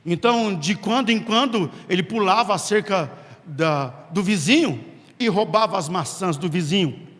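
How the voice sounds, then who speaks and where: A man preaching a sermon, telling a story with dramatic pauses and acted-out quotes. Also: high voice, fairly bright tone. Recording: long hall reverb.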